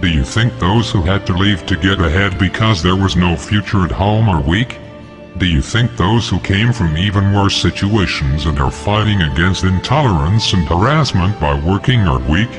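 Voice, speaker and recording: A man speaking through a disguised deep, pitched-down voice, delivering a scripted manifesto in a defiant, declaiming manner. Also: lively intonation, normal speed. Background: music.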